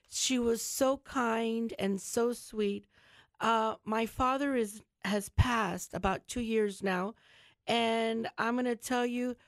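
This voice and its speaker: A woman's voice: fairly high pitch, no echo. A woman hosting a talk show, chatty and effusive, full of heartfelt praise for her guests.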